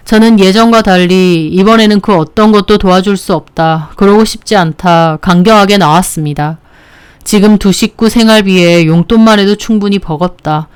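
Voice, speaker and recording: A woman narrating a first-person story in a calm, steady storytelling manner. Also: medium pitch, smooth.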